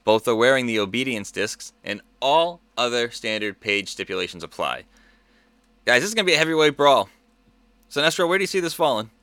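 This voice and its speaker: A man's voice: medium pitch, lively intonation, fairly quick, fairly bright tone, no echo. A man hosting a podcast with theatrical, grandiose show announcing in the manner of a ringmaster. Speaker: podcast host.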